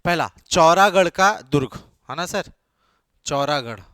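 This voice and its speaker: In a classroom lecture, a male teacher speaks in a slightly high, expressive voice that is smooth and a bit bright. He rapidly asks questions, then repeats each answer for students to note, and keeps urging quick replies. The audio is close and dry, free of room echo.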